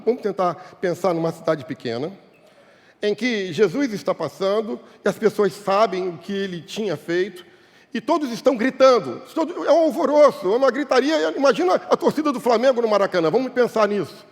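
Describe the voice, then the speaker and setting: A Brazilian man preaches from the pulpit in a notably high voice. He swings from fervent shouted calls to low, hushed asides. A long reverb from the church hall trails every phrase. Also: expressive, brisk. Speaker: pastor. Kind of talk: sermon.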